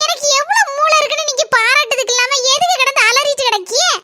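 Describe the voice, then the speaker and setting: A woman's voice: extremely high pitch, animated, quick pace, pushed and bright, no room sound, studio quality, full character voice. A woman with a Kanyakumari Tamil accent voicing a brash, hot-tempered young village wife in a cartoon. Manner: brash, defiant.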